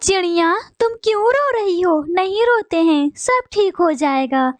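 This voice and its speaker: A woman's voice: very high-pitched, animated, unhurried, no echo, voice pushed up. A woman voicing a comforting female bird neighbor in a cartoon, with a soothing manner. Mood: consoling. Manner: soothing, cursing the thief. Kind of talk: cartoon voice acting.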